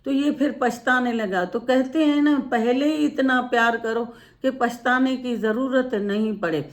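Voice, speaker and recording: A woman's voice: fairly high pitch, steady tone, a little slow. Earnest woman telling a moral story. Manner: earnest, repetitive, with many fillers. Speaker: devotional storyteller.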